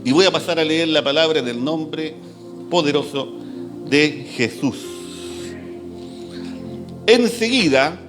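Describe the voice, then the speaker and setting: A man preaching a sermon in a church. He reads scripture aloud in an animated way and jokes with the congregation. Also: on the high side.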